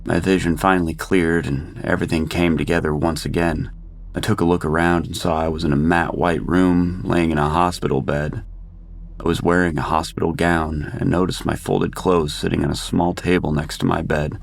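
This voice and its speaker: A man narrating a first-person horror tale with a very deep voice. There is a gravelly fry under his words, and he tells it steadily and grimly. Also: flat delivery, normal speed, slight background noise.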